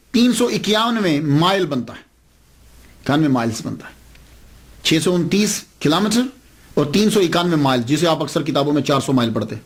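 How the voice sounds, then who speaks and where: A man telling a saint's story as a sermon, acting out the dialogue with big swings in his voice. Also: fairly high pitch. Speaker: Islamic preacher.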